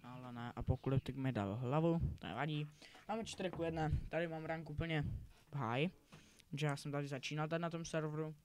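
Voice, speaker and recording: A teenage boy talks over his gameplay in a loose, rambling way, catching and fixing his own slips as he goes. His voice sits a little high for a male. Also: darkish tone. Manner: rambling, self-correcting, chatty. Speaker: gaming YouTuber. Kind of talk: casual gameplay commentary.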